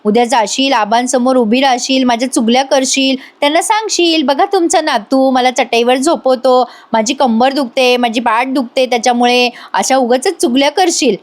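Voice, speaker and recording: Brief: woman reading as a gloating young husband, childish and smug, slow drawn-out taunts, slightly high voice. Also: close to an everyday voice. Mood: taunting.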